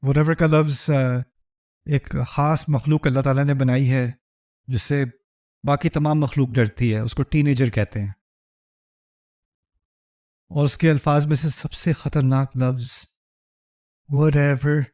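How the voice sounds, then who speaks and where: A man's voice: mid-range voice, steady tone, long pauses, warm tone. A man giving a humorous religious lecture, telling stories with rhetorical questions and jokes. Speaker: Islamic lecturer.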